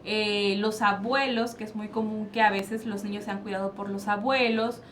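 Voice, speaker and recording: A woman's voice: medium pitch, fairly even intonation, moderate pace. A woman psychologist with a Mexican Spanish accent, explaining parenting styles in a panel discussion and posing rhetorical questions she answers herself. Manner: explanatory, asks and answers her own questions. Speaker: child psychologist guest. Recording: faint background noise.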